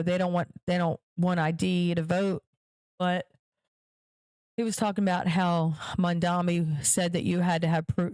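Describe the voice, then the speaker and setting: A podcast host with a lowish, slightly mellow voice speaks directly to her viewers, delivering emphatic political commentary and repeating points for emphasis. The recording is dry.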